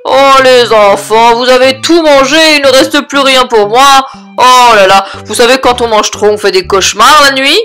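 A woman voicing a greedy, grumbling cartoon father pig with plaintive, drawn-out exclamations. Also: sits high, pushed and bright, clean tone, faint music behind. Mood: disappointed. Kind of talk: cartoon toy-play story.

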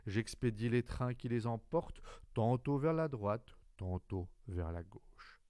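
A man's voice: medium pitch, unhurried, darkish tone, dry recording, clean studio sound, natural voice. A man reading an audiobook, voicing a plain, matter-of-fact railway switchman.

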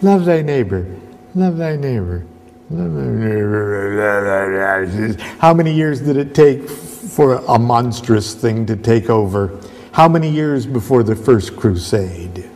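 A man giving a rambling spoken lecture, halting and repetitive, restarting often. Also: medium pitch, expressive, a little mellow, in a large hall, a little hiss or hum. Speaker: esoteric lecturer.

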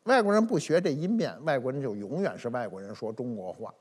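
Husky man explaining. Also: mid-range voice, expressive, fast talker, darkish tone. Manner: didactic, demonstrates pronunciations aloud. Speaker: cultural commentator. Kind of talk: explanatory talk-show monologue. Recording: reverberant room with faint music.

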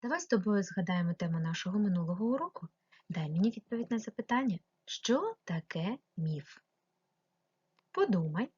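A Ukrainian-accented woman teaching a remote lesson to young pupils, speaking slowly with clear stress and addressing the child directly. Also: mid-range voice, big pitch swings, a little mellow, no room sound. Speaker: primary school teacher. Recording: dull lo-fi home recording.

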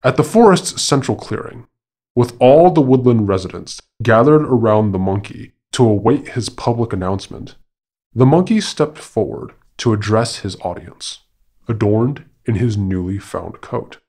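A man with a low voice tells a forest fable for a podcast in scripted narration. His delivery is deliberate and formal, lingering over the phrases. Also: animated, mellow. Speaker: podcast storyteller.

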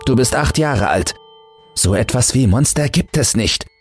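A man's voice: medium pitch, lively intonation, measured pace, faint music behind, voice pushed up, lightly acted. A man voicing a cruel, angry mother in a horror audiobook. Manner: angry, cold. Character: cruel, furious abusive mother.

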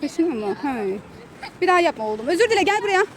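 This woman talks fast in a very high, sing-song voice while filming her children outside in a park or picnic spot. She calls after them, scolds, and laughs in a relaxed family vlog, and the phone recording picks up plenty of outdoor noise.

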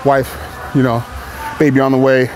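Between sets in a big indoor gym, a pro bodybuilder in his thirties chats candidly to camera, his phrasing loose and rambling with fillers and a laid-back manner. He speaks at normal speed in a level, mid-range voice, with music and background noise around him.

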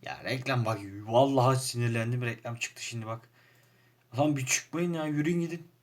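A young man with a Turkish accent giving casual commentary over a football manager game, frustrated and grumbling, jumping from loud outbursts to low muttering. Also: moderate pace. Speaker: gaming YouTuber playing a football manager game.

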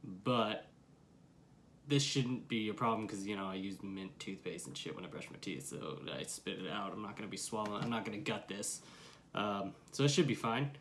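A man's voice: on the low side, moderate pace, a bit bright, slight background noise. A young adult man giving a casual product review to camera, with slangy talk and plenty of swearing. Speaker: dip review vlogger. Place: small room at home, curtain behind.

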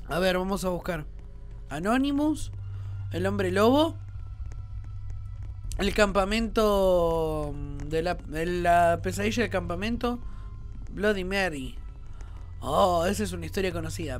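A man with a Rioplatense accent commenting on a horror game, excitable and prone to shrieking at scares. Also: high voice. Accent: Rioplatense Spanish. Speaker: gaming YouTuber.

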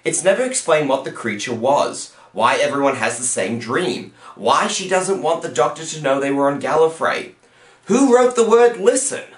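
A man hosting a comedic review, talking sarcastically and with exasperation, sometimes breaking into shouts. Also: medium pitch, lively intonation, moderate pace, hardly any pauses. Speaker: host and reviewer. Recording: roomy echo.

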